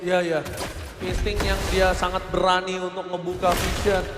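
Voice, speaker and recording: High-pitched Indonesian man commentating esports, echoey hall. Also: completely flat delivery. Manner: emphatic, dramatic delivery with drawn-out calls. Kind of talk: live play-by-play commentary of a mobile game match. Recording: echoey hall, loud music behind. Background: music.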